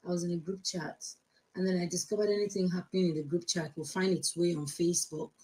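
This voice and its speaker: A woman's voice: lowish voice, steady tone, fast, dark tone, low-quality recording. A woman in her fifties from Nigeria with a Nigerian accent, chatting outspokenly on a live stream and answering viewer comments, switching between English and Yoruba. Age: 50s.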